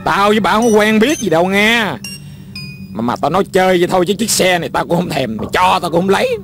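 A man playing a suspicious accomplice in a comedy sketch, with a scoffing, quick-witted manner. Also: high-pitched, expressive, creaky, a bit bright, full character voice. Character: suspicious young male accomplice. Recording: faint music behind.

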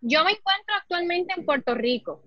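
A Dominican fitness model in her twenties, speaking Spanish with a Cibao accent, answers interview questions earnestly and reflectively as a guest, using many fillers. Her voice is extremely high and animated at a normal speed, with no echo. She's on a laptop or phone mic in a small indoor room, and the video-call audio sounds muffled.

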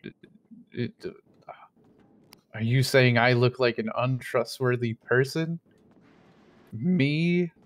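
A man's voice: mid-range voice, flat delivery, unhurried, long pauses. A man voicing his roleplay character in casual chat, rambling with many fillers and joking in a mock-innocent way. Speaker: streamer playing a roleplay character.

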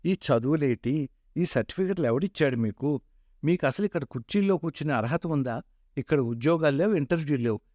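A man acts out a rude male office peon who jeers in a North Coastal Andhra dialect. His voice rises higher than the narrator's own as he scoffs. It sits close and dry, with no room sound. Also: lively intonation, a little fast, warm tone, dry recording, close to an everyday voice. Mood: mocking. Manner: mocking, scornful.

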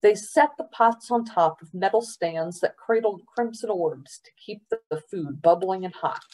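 A woman's voice: mid-range voice, expressive, normal speed, a little mellow, poor audio. Woman reading a children's novel aloud. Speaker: library storytime reader.

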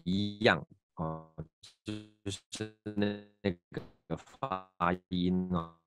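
Low-voiced Malaysian Mandarin teacher. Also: male voice, fairly even intonation, loud music behind the voice. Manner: patient, drawn-out sound demonstrations. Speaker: voice acting teacher. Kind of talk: online class lecture.

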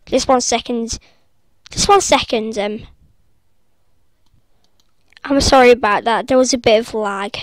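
A woman casually narrating her gameplay from bed, rambling, breaking into squeals and quick apologies. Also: on the high side, no room sound. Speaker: gaming vlogger. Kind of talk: casual game commentary. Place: sitting up in bed at home. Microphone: laptop recording.

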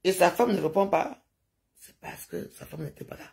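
Gravelly older woman rambling on a livestream. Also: lowish voice, expressive, normal speed, warm tone. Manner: chatty, digressive, with sound-effect noises. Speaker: livestreamer talking to viewers. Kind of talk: rambling casual livestream monologue.

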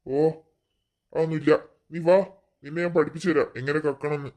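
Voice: mid-range voice, fairly even intonation, fairly quick, warm tone, close to an everyday voice. A voice actor playing an aging, slightly deaf burglar boss in a cartoon, bossy and grumbling.

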